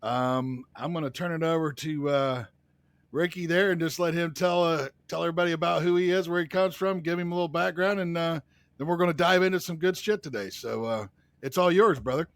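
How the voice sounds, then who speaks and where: A man's voice: on the high side, steady tone, fairly quick, dry recording. A man hosting a podcast in a casual, informal and somewhat hesitant way. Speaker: podcast host.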